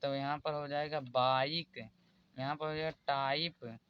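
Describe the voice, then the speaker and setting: A man teaching English spelling rules in a slow, repetitive way and pointing out examples one by one. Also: on the high side, flat delivery, clean tone, dull audio. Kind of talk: explaining spelling rules in Hindi.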